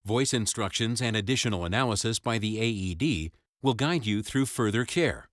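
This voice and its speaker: A man's voice: lowish voice, lively intonation, moderate pace, no room sound, clean studio sound. A man reading scripted instructional narration for a first-aid training video, in an emphatic, imperative way. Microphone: close, dry voice-over.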